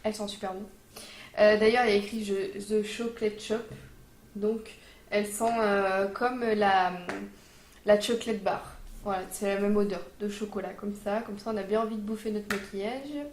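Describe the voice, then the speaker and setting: A woman's voice: mid-range voice, fairly even intonation, moderate pace, a little mellow, roomy sound, slight background noise. A woman vlogger reviewing makeup in a casual, chatty way, with lots of fillers and informal slang. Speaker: beauty vlogger.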